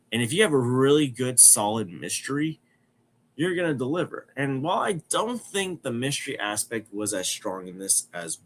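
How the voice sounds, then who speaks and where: A man in his twenties with a cold and a stuffy, congested nose, giving a casual movie review and repeating phrases for emphasis. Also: mid-range voice. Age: 20s. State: has a cold. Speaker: film review podcast host.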